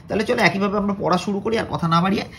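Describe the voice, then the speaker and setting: A man from West Bengal teaching a children's textbook lesson, reading rhymes in a sing-song way and spelling words slowly. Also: high-pitched, bright, forceful tone.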